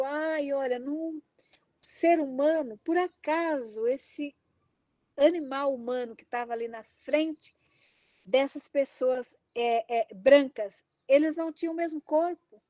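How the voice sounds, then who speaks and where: An invited lecturer, a middle-aged woman with a Brazilian Portuguese accent, gives an impassioned talk in a high, bright voice, speaking a little slowly. She exclaims and drives home each point with open indignation. The sound is dry and close, with no room sound.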